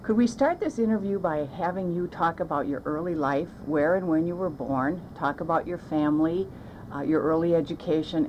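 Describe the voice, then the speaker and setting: Low, mellow American woman interviewer. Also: lo-fi sound. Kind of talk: formal oral history interview. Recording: faint background noise.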